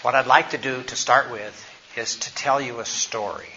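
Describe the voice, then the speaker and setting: A man's voice: mid-range voice, fairly even intonation, normal speed, pushed and bright. A man presenting health education to a group, praying, telling a Bible story, and then quizzing his listeners with questions. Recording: slightly dull recording, faint noise.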